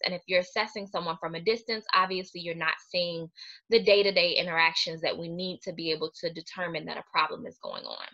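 A woman clinical social worker giving a recorded webinar talk, earnest and explanatory in a steady lecturing manner. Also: on the low side, lo-fi sound.

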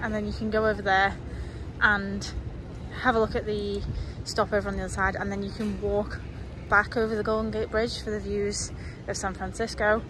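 A woman's voice: medium pitch, level tone, normal speed, noisy background. A woman chatting casually as a travel vlogger while walking a city waterfront, rambling and full of fillers. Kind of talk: casual travel vlog narration.

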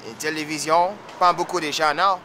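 This Texas fiddler in his 20s speaks with a Louisiana French Creole-Cajun accent in a steady, pushed, bright voice, high-ish and moderately paced. Being interviewed in a yard beside a house and street, he replies casually and hunts for words. The noisy recording comes from a camera mic a short distance away.

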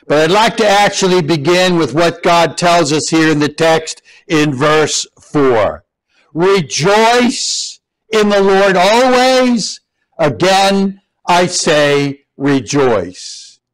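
Man, pastor, sermon, slow deliberate delivery, slightly high voice, emphatic repetition. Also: lively intonation, rough recording. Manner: slow and emphatic, repeating key words with rising stress. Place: church.

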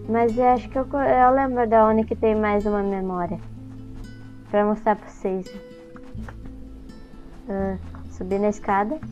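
A woman's voice: on the high side, darkish tone. Chatty young Brazilian woman gamer. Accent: Brazilian Portuguese. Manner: chatty, easily startled, talks to the game. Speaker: gaming YouTuber. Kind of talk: casual let's-play commentary. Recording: dull lo-fi sound with game music behind.

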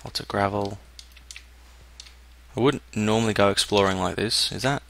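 Low gravelly man muttering gameplay. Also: moderate pace, a bit bright, a little hiss or hum. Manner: muttering running commentary, thinking aloud. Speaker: gameplay commentator. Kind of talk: casual let's-play commentary.

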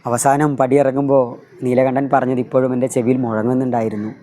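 Male teacher with a Malayali accent, retelling a story for a class with feeling and fillers, mellow tone. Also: mid-range voice, little pitch movement, quick pace. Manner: emotive storytelling with many filler sounds.

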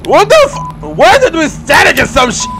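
A man's voice: extremely high pitch, wildly swooping pitch, brisk, noisy background. A young man playing a horror game, jumpy and foul-mouthed, yelping at scares. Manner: jumpy, swears a lot, yelps and shouts at scares. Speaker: gaming YouTuber. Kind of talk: horror game let's play commentary. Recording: game music behind the voice.

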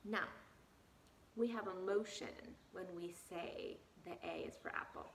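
A woman in her thirties teaches preschoolers on video in a mid-range, somewhat creaky voice, speaking a little slowly with big pitch swings. Her broad, singsong presenter style is full of simple questions for young kids, recorded in a small bare-walled room with echo and faint background noise.

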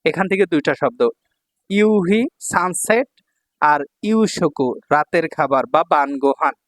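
High-voiced man teaching a kanji lesson. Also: lively intonation, unhurried, no room sound. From Bangladesh. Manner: repeats readings, checks in with "okay?" often. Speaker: Japanese language teacher. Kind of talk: kanji lesson explaining readings.

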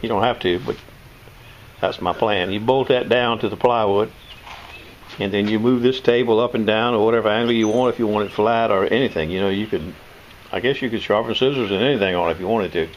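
A man's voice: lowish voice, brisk, lo-fi sound, a little hiss or hum. An older man, casually demonstrating tools in his home workshop, rambling and folksy. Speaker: knife sharpener showing his shop tools.

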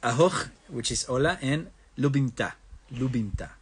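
This time the young Mexican host sounds animated yet unhurried, at a medium pitch with a little hiss or hum. Chatting casually on his phone stream, he reads viewer comments aloud one by one and answers each, flipping between Spanish and English.

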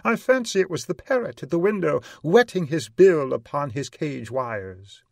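A man's voice: fairly high pitch, animated, normal speed, creaky, darkish tone, no room sound, clean studio sound, pitched above the performer's own voice. A man voicing a mannered, placating royal courtier in a storybook reading. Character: smooth-talking male courtier offering explanations to his king.

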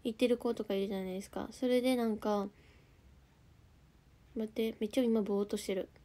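Young kansai girl chatting on a livestream, bit high voice, reads comments and replies. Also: fairly even intonation, quick pace, mellow. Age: young adult. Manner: chatty, reads viewer comments aloud and answers them. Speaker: idol group member streaming live. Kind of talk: casual livestream chat.

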